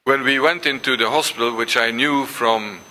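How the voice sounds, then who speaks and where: An older man, Dutch by first language, gives a symposium lecture in a lecture hall, reading passages aloud between frequent ums, pauses and restarts. His medium-pitched voice is bright and forceful. The audio is poor, with slight background noise.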